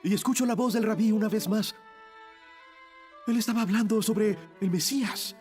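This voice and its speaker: An actor playing a dying thief on a cross, speaking a grave, intense monologue. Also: male voice, sits high, normal speed, darkish tone, faint music behind, natural voice. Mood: reflective. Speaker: narrator of a monologue. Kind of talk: dramatic film monologue, dubbed.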